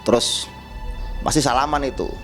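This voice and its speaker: A man's voice: medium pitch, moderate pace, a bit bright, faint music behind. A man telling a personal story casually, acting out the dialogue as he goes. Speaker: guest storyteller, spiritual healer.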